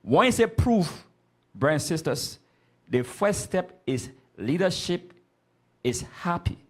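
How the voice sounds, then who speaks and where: A man's voice: sits high, sing-song, measured pace. A man leading a scripture class, speaking emphatically and often stopping to prompt the reader. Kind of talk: street-corner style Bible class teaching.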